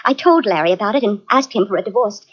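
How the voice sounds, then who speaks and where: This 1940s radio play features an actress as a suspected wealthy widow, defensive and tense, who halts as she talks. Her voice is husky and medium-pitched with lively intonation, and the old radio recording sounds dull and lo-fi.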